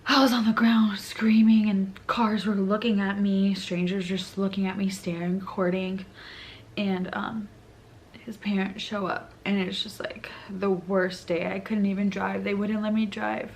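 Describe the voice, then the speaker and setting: A young woman tells a painful story straight to camera, her voice raspy with vocal fry. She is crying, and her voice breaks and climbs as the memory overwhelms her. A faint hiss sits under the recording. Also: mid-range voice, flat delivery, unhurried. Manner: tearful, voice breaking and rising in distress. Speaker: vlogger. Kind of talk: emotional personal storytelling.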